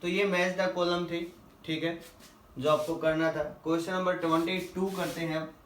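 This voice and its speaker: Male teacher, high pitch, slow on English questions, echoey room with faint background hiss. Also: flat delivery, far from the mic. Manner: asks the class questions and answers them himself, calls students "beta"; reads English questions slowly, then explains in Hindi. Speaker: physics teacher. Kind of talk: classroom lesson, solving quiz questions. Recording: echoey room, voice a little off-mic.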